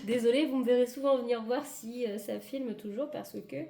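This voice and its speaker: A woman doing a casual, improvised card reading for viewers, hesitant and searching for words, her hoarse voice giving out. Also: fairly high pitch, a little fast, dark tone. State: hoarse voice giving out, clearing throat. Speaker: tarot and oracle card reader. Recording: echoey room with clear background noise.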